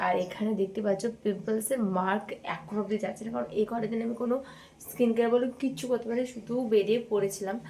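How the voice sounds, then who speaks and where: A young woman vlogger with a hoarse, broken voice, talking softly to the camera as she walks outdoors through fields. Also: medium pitch, a little hiss or hum. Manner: speaks softly while walking. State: hoarse, lost voice. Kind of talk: casual vlog chat to camera. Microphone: handheld camera kept at a distance.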